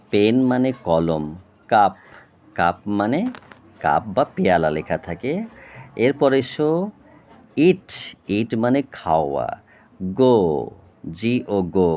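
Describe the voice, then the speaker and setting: Low-voiced patient male tutor. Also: darkish tone. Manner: slow, patient, repeats "okay?" to check understanding; spells words out and breaks them into parts. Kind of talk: board lesson explaining English syllables.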